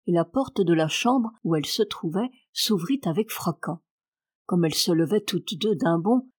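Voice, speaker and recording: A woman narrating a classic novel as an audiobook, in a calm, measured reading style. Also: medium pitch, slightly rough. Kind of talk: scripted literary narration.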